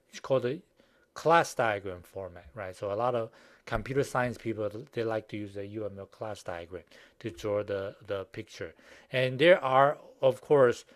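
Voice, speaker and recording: Chinese-accented guy lecturing online, lots of ums and restarts, kinda low voice. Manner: hesitant, many fillers and restarts. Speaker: university professor.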